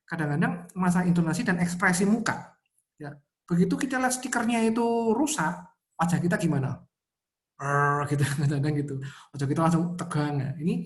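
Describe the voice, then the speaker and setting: A man, a child psychologist, answers parents' questions in a relaxed webinar talk, explaining through everyday examples over a video call. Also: fairly high pitch. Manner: easygoing, explains with everyday examples, often ends phrases with "gitu".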